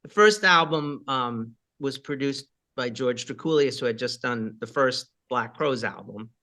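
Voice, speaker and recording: During a casual interview, a male rock singer with a high voice rambles along, full of fillers and asides. He speaks a little slowly, with a sharp tone.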